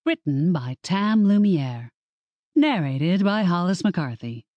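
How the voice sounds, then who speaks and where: A woman reading a cozy mystery audiobook in the first person, with an expressive, wry storyteller's delivery. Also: fairly low pitch, takes it slowly, no room sound, lo-fi sound. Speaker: audiobook narrator.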